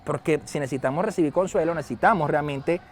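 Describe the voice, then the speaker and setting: High-voiced Venezuelan pastor preaching. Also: male voice, fast talker. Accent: Venezuelan Spanish. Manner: storytelling, animated, shouts when acting out a scene. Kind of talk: sermon.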